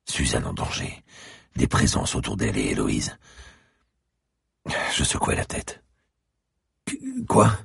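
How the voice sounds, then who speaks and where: Very deep gravelly male narrator. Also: a bit bright, dry recording, studio quality. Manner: slow, brooding delivery, rises sharply in his spoken lines. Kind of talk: first-person audiobook narration.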